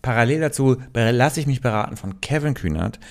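A man's voice: mid-range voice, animated, a little fast. A man co-hosting a comedy podcast, teasing his partner and laughing through a silly memory game. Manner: teasing, playful, often laughing mid-sentence. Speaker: podcast co-host.

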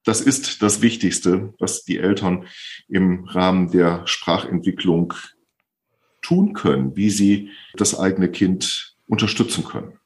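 A man who works as a speech therapist, calmly and patiently explaining as a podcast guest, often repeating phrases to stress them. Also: low voice, takes it slowly. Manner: calm, patient explaining with frequent repetitions.

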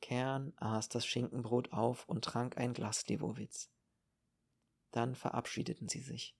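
A man reading an audiobook in a calm, measured narration. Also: mid-range voice, vocal fry, slightly rough. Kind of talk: scripted narration.

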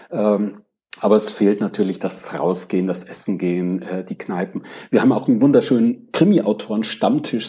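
A man answering casually as a guest, reflective and pausing now and then to search for words. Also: on the low side, dark tone. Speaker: podcast guest, crime novelist. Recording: dull, lo-fi connection.

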